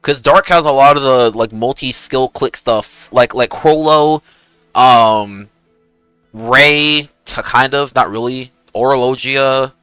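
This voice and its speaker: A man's voice: medium pitch, takes it slowly, sharp tone, clean tone, dry recording, faint music behind. A young man chatting casually on a game livestream in hyped gamer-bro slang, swearing freely. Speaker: game streamer. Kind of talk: casual livestream chat and gaming commentary.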